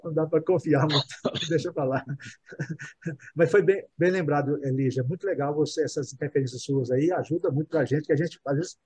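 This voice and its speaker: Husky man teaching English. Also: a little high, brisk, a little mellow, dry recording. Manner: explanatory, models words, tags sentences with "né?". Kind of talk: casual group class.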